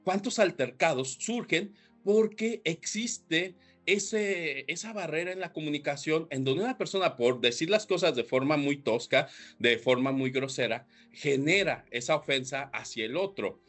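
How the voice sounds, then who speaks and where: A man talks through a leadership podcast with a bright, forward voice. His pitch rises and falls freely as he explains. He asks rhetorical questions and often clears his throat, with faint music playing behind him. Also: animated, unhurried. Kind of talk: solo podcast talk.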